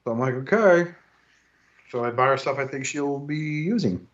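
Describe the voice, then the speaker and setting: A man's voice: medium pitch, expressive, moderate pace, muffled recording. A man co-hosting a toy-collecting podcast, chatting casually, joking and swearing. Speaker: podcast co-host. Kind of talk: casual chat.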